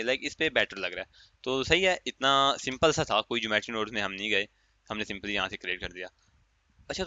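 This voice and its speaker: A man teaching a software tutorial in a chatty, step-by-step way, with an Urdu-inflected accent and many fillers. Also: on the low side, no echo. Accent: Urdu-inflected Hindustani. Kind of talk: casual screen-recorded tutorial. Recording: dry, muffled lo-fi mic.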